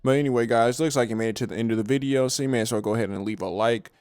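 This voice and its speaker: A man's voice: mid-range voice, racing, a little mellow, clear, resonant tone, dry recording, studio quality. A young man telling a story in casual slang, laid-back with lots of swearing. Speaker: storytime vlogger.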